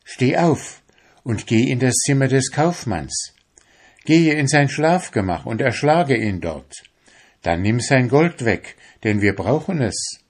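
A man's voice: mid-range voice, animated, slow, slightly rough, voice pushed up, exaggerated voice. A man voicing a heartless male soul that coaxes and commands in a storybook reading. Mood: commanding. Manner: coaxing, insistent.

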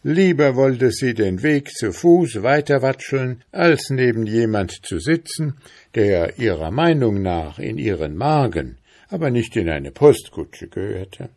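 A man reading a storybook story aloud as narrator, with expressive, unhurried narration. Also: medium pitch. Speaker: story reader.

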